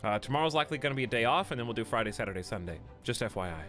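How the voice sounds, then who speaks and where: A man with a cold streams a game from home on a desk mic, chatting with viewers in an animated, racing, mid-range voice that's a bit bright. He says hi to his audience and jokes around over faint game music.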